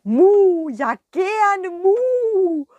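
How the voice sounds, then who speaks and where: Brief: sweet, clumsy cow girl, voiced by a woman, high and sing-song, slow and mooing, in a dry, close sound. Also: big pitch swings, darkish tone, dry recording, muffled recording, exaggerated voice. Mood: eager. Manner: moos between words, drawn out. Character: sweet clumsy short-sighted female cow.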